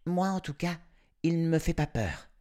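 A man's voice: on the high side, expressive, warm tone, voice pushed up, lightly acted. Man voicing cocky little boy brothers. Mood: defiant. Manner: cocky, teasing, quick. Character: cheeky young boy brothers, boastful and mocking.

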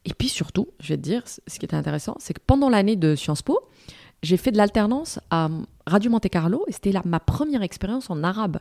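Her voice medium-pitched, brisk and creaky, a Moroccan news presenter and journalist in her forties animatedly describes her career in an interview, full of fillers and restarts. The sound is clean studio quality, free of echo.

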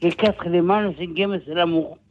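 A man in his sixties from Nîmes with a southern French accent, calling in to a radio show and talking in a rambling, halting way, repeating himself. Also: high voice, fairly even intonation. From Nîmes, southern France. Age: 60s. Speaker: caller. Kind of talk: call-in radio chat. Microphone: telephone. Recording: tinny phone line.

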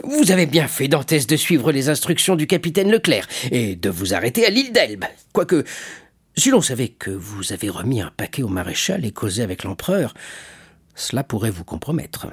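A man reading aloud, voicing an excitable, warm-hearted older shipowner in an audiobook. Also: mid-range voice, moderate pace, husky. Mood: approving.

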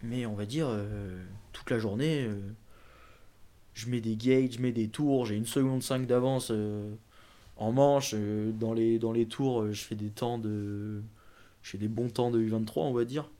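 A nineteen-year-old French junior BMX racer tells his story as a guest in a relaxed interview, rambling and restarting with plenty of fillers. His voice sits fairly low and mellow, with fairly even intonation and a slightly slow pace.

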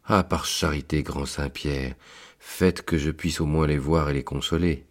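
A man reading a story aloud in the first person, slow and deliberate with dramatic touches. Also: extremely low pitch, fairly even intonation. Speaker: narrator and reader.

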